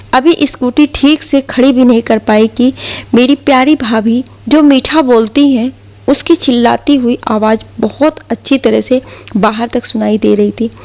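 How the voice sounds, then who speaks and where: A woman narrating a first-person family story in a steady reading voice. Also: on the high side.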